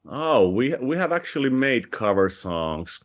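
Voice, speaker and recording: A medium-pitched male voice swings widely in pitch and moves a little slowly. The speaker is a Finnish musician guest using English with a Finnish accent, in a casual, warm interview marked by restarts and gentle laughter.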